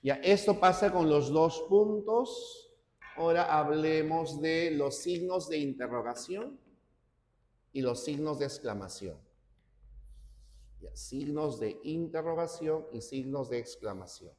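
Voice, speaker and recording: A man teaching a class, slow and deliberate, often checking in with his students. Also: a little high, darkish tone. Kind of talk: classroom lecture. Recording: roomy hall with long reverb.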